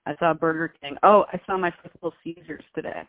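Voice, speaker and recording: A woman's voice: low voice, quick pace, no room sound. Woman calling in over a breaking-up phone line. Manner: wry, deadpan humor. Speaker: podcast co-host calling in from abroad. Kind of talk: casual chat. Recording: tinny, dry phone call with dropouts.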